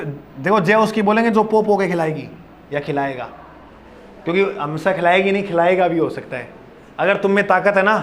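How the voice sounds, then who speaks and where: A male teacher giving a classroom lecture, loud and playful, drilling students with call-and-response chants. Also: high voice, slight background noise.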